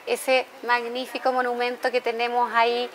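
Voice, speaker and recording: A woman hosting a television interview, asking questions and reacting with quick encouraging interjections. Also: a little high, monotone, slight background noise. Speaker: talk show host.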